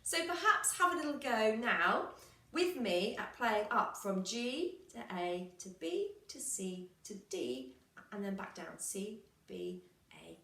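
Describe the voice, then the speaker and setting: A woman's voice: mid-range voice, reverberant, background noise. A woman music teacher giving a patient, encouraging recorder lesson, counting aloud and singing examples.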